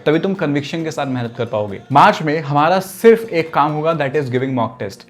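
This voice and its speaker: A young man giving direct, motivational study advice to exam students, slipping English phrases into his talk. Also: on the high side. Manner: direct, coaching tone, mixes English phrases into Hindi. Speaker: exam prep mentor.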